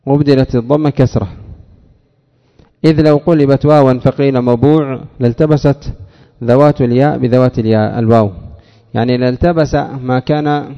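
Gravelly-voiced man teaching in an echoing hall. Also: medium pitch. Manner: asks questions and answers them himself, repeats key words; addresses a student by name. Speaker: teacher of Arabic morphology. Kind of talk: classroom lesson explaining a text. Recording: dull lo-fi recording with long hall reverb.

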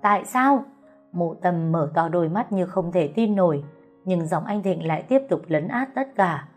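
A woman narrating an audio story in a steady, expressive voice. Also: lowish voice, moderate pace, soft background music.

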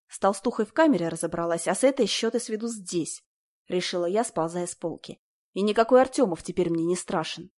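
A woman reading a first-person story aloud as an audiobook narrator, in a steady, conversational storytelling manner. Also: mid-range voice.

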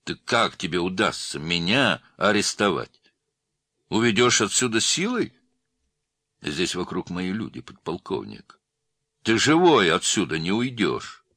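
A man voicing a hot-tempered, scornful male crime clan brother who shouts, in a story reading. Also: low-pitched, big pitch swings, a little slow, slightly rough, no room sound, studio quality, pitched above the performer's own voice, exaggerated voice. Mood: mocking.

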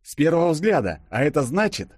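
A man's voice: fairly high pitch, big pitch swings, a little fast, slightly rough, dry recording, voice pushed up. A man voicing a clever young female agent in an audiobook, speaking in a matter-of-fact, explaining way.

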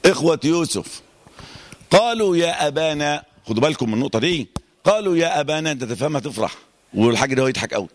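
Egyptian male recitation teacher, slightly high voice, reverberant hall. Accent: Egyptian Arabic. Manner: animated, quizzes students, chants verses slowly. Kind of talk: classroom lesson on tajweed.

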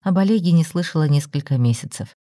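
A low, dark woman's voice reading a story in a steady, measured manner. The recording is dry and close-miked, with no room sound. Her tone stays mellow throughout. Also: dry recording. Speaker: narrator. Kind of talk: scripted story narration.

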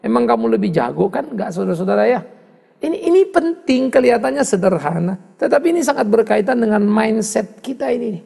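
Gravelly preacher in an echoing hall. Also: male voice, sits high, fairly quick. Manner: animated preaching, mocking asides and rising exclamations. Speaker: pastor. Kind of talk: sermon. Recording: long hall reverb.

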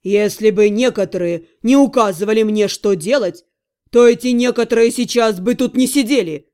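A woman with a slightly high, natural-sounding voice reads at a moderate pace, playing a smug, sarcastic male demon lord in an audiobook. Her delivery is sneering and sardonic throughout.

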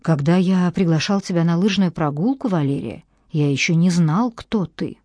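A woman's voice: lowish voice, moderate pace, a little mellow, no room sound, natural voice. A woman reading the part of a bitter adult man who speaks curtly and with hostility. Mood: cold, hostile. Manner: curt and hostile. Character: harsh, cold adult man, bitter ex-convict.

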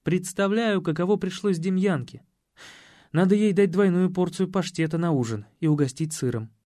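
A man narrating an audiobook in a lively, expressive reading. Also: sits high, normal speed, dry recording, studio quality. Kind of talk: scripted narration.

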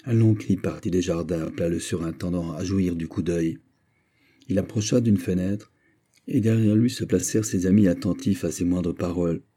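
A man narrates a classic novel with an even, literary delivery. His voice sits low and sounds very dark and mellow. The reading is scripted and steady. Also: normal speed. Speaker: audiobook narrator.

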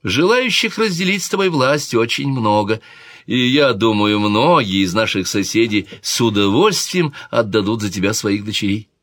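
A man's voice: lowish voice, expressive, normal speed, a bit bright, no echo, clean studio sound. A man voicing a pleading young princess. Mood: persuasive. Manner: pleading, persuasive. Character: young princess, worried, insistent sister. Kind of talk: audiobook reading.

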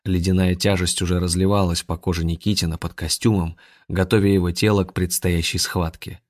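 A man reading a storybook aloud in an even, measured way. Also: deep voice, no room sound, studio quality. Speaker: audiobook narrator. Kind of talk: scripted storybook narration.

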